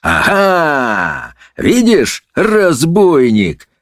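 A man voicing a blustering, pompous judge who roars and drags out his insults in a high, strained voice. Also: sing-song, no echo, studio quality. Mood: roaring. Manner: roaring, bullying, drawn-out shouts.

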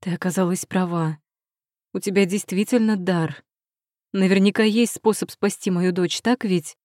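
A woman's voice: medium pitch, fairly even intonation, normal speed, darkish tone, no room sound, studio quality, natural voice. A woman voicing a worried middle-aged empress pleading urgently for her daughter in an audiobook. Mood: anxious imploring.

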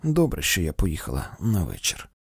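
A man's voice: sits low, huge pitch swings, moderate pace, gravelly, husky, dry recording, studio quality, pitched below the performer's own voice, full character voice. A man reading a story, voicing a composed young woman who gives firm, curt orders.

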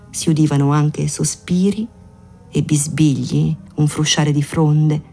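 A woman narrating a literary audiobook in a measured, even storytelling manner. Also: low-pitched.

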